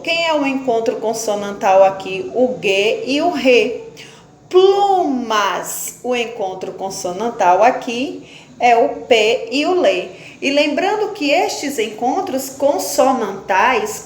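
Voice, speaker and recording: Woman, teacher, slow patient phonics explainer, slightly high voice, echoey room. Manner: slow, stretches out syllables when splitting words; patient and explanatory, asks questions and answers them herself. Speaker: primary school teacher. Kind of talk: classroom phonics lesson. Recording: echoey room with faint background noise.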